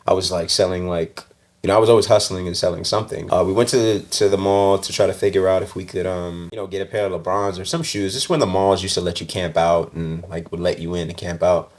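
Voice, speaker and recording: A man who grew up in the UK, a fashion designer guest, telling relaxed stories in casual interview chat, with many fillers and easy laughs. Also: low-pitched, fast.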